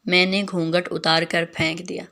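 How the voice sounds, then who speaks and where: A woman's voice: lowish voice, flat delivery, sharp tone. A woman narrating a dramatic story in the first person, in a plain, earnest way.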